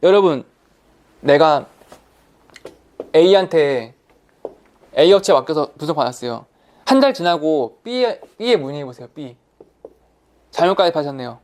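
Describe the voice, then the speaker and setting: A man teaches an online insurance course in a slightly high voice. He talks colloquially, stresses and repeats key words, and acts out salespeople's lines. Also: animated, slow, long pauses, darkish tone. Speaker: insurance exam lecturer. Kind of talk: online lecture.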